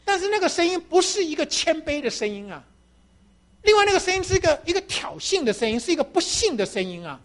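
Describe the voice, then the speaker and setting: A woman's voice: very high voice, big pitch swings, quick pace. A woman preaching a sermon, telling a story with rhetorical questions and acting out the voices in it.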